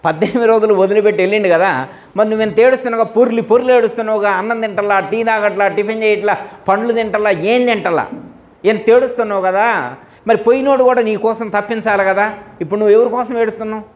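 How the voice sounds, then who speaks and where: A spiritual teacher speaks fast in a high voice, giving a Telugu religious discourse in which he fires rhetorical questions at his listeners and acts out the dialogue of the story.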